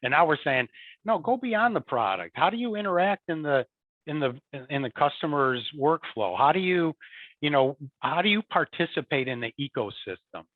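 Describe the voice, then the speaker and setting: A man guesting on an interview, a support and field services executive, talks conversationally in a fairly high voice with big pitch swings at a normal speed. He repeats words and keeps adding "you know" and "right?". The remote call audio is tinny and dry, with no echo.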